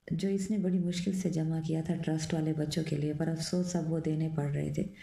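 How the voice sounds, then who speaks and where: A woman reading a romance novel aloud in steady, unhurried storytelling. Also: low-pitched, gravelly. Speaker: novel reader. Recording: roomy echo.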